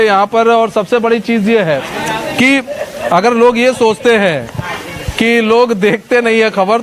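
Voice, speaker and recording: A man reporting on the street, talking to camera and questioning traders outdoors. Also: high-pitched. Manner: brisk, talks to camera, asks leading questions. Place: outdoors on a cold market street.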